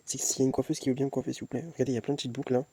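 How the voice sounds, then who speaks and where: A man's voice: medium pitch, level tone, racing, mellow, husky. A young man filming a casual vlog at home on his phone, rambling and mocking himself, often restarting and repeating words. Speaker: vlogger. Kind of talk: casual self-filmed vlog. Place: at home at night.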